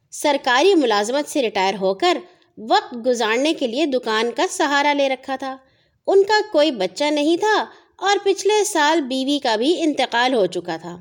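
Woman storyteller, high voice, calm measured reading for kids. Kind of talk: children's audio story narration.

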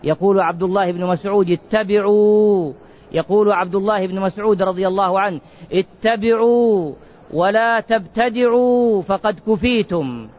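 A man preaching with a high voice, on a muffled, lo-fi recording. He keeps asking his listeners questions and answers them himself. He slows down hard and stretches out the words he wants to stress. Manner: questioning, drawn-out emphasis on key words. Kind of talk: sermon.

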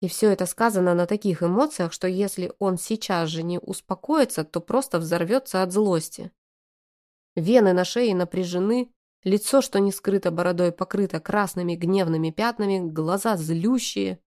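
A woman reading a first-person novel aloud in a lively, sarcastic manner. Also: on the low side, moderate pace. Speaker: audiobook narrator.

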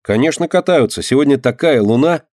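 A man voicing a prim, sharp-tongued older girl in an audiobook, tart and teasing. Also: mid-range voice, lively intonation, fairly quick, no room sound, studio quality, pitched above the performer's own voice, close to an everyday voice.

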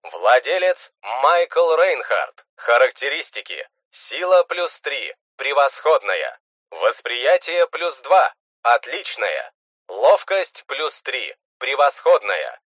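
A man's voice: medium pitch, takes it slowly, no room sound, heavily acted. A man voicing a magical status interface and reading its stat list in a list-like way. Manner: flat, list-like readout. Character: magical status interface listing character stats.

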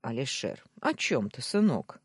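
A man's voice: mid-range voice, wildly swooping pitch, measured pace, slightly rough, no room sound, studio quality, full character voice. A man voicing a scheming, fat middle-aged uncle who shrieks and splutters, in an audiobook reading. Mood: fawning. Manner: shrieking, spluttering, then nervous babbling.

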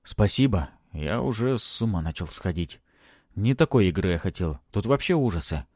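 A man voicing a nervous, touchy male ghost who yells and complains. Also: animated, moderate pace, slightly rough, dry recording, clean studio sound. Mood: complaining. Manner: shrill, yelling.

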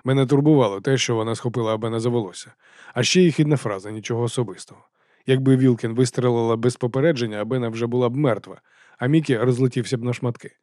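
A man reading an audiobook in a dry, deadpan, sardonic first-person narration. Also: medium pitch, fast talker, dry recording. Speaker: audiobook reader.

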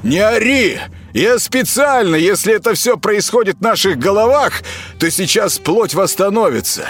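Man putting on a high, brash foul-mouthed patient. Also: animated, normal speed, faint music behind, heavily acted. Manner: brash, yelling insults. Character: rude, arrogant male psych patient, 42.

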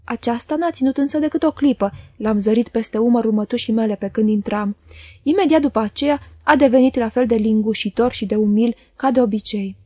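A woman narrating a classic novel as an audiobook reader, in a calm, measured reading. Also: a little high, no room sound, clean studio sound.

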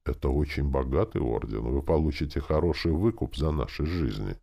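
A man reading an audiobook, voicing a gloomy, hoarse captured knight. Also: extremely low pitch, animated, brisk, warm tone, exaggerated voice. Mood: sullen. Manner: gloomy, rasping.

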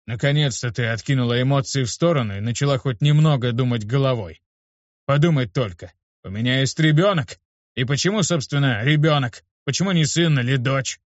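A man's voice: mid-range voice, fairly quick, dry recording, voice pushed up, lightly acted. Brief: male reader as a blunt, barking tough guy, raised voice, lo-fi and dry. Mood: reasoning. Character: gruff adult man, irritable slum teacher. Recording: dull lo-fi dry recording.

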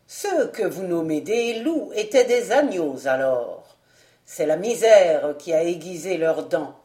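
A woman's voice: on the low side, lively intonation, takes it slowly, mellow, roomy sound. A woman voicing a dignified, ironic old peasant woman who speaks sharply. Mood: sardonic.

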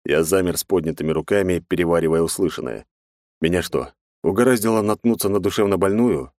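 A man reads a first-person audiobook in a very low voice, with a wry inner-monologue tone. The recording is dry and close, with no room sound. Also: fairly quick, a little mellow, no echo. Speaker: audiobook narrator.

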